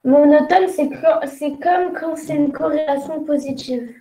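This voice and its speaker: A female math student answering her tutor in a lesson, a little hesitant as she reads formulas aloud. Her voice is high. The room has a noticeable echo. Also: measured pace, warm tone.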